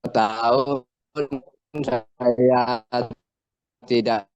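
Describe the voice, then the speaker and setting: A man asks his question politely in short, halting fragments over a video call. His audio keeps breaking up as the weak connection drops words. The sound is dull, dry and close. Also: medium pitch, flat delivery, darkish tone, no room sound. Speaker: training participant asking a question.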